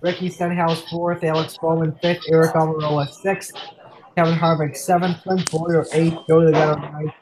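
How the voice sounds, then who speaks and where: A podcast host with a cold, sick and coughing, reads race results off a rundown in a loose, chatty sim-racing recap. His voice sits on the high side with a flat delivery at normal speed, over a noisy background.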